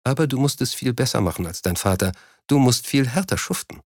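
A man reading an audiobook, voicing an unhappy, reproachful wealthy wife in a raised, softer voice. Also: mid-range voice, animated, brisk, no room sound, clean studio sound, natural voice. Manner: softly reproachful, drops her voice. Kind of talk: audiobook character voice.

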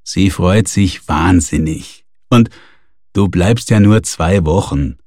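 A man voicing a calm friend who gently coaxes another man in a story reading. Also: low voice, slow pace, no echo, clean studio sound, pitched below the performer's own voice, heavily acted. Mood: coaxing.

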